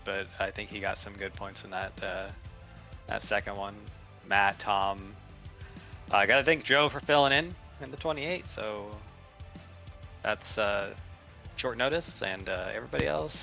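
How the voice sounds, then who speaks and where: Bright-voiced young-sounding male driver. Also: fairly low pitch. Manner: rambling, modest, with many fillers. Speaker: racing driver guest. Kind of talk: post-race interview.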